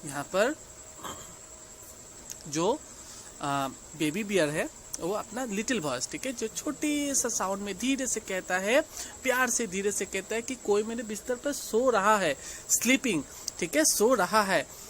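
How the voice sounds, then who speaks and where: A woman's voice: medium pitch, expressive, a little hiss or hum. A woman teacher with an Indian English accent, reading a class storybook line by line and explaining each part for young pupils. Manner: reads English lines slowly, then explains in Hindi.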